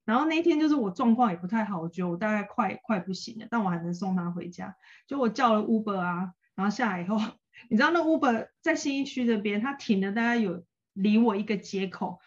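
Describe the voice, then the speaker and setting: A woman's voice: medium pitch, fast talker, dull audio. Chatty Taiwanese woman telling a long story. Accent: Taiwanese Mandarin. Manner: long animated anecdotes, acts out quoted lines. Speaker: podcast co-host. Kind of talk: casual podcast chat, storytelling.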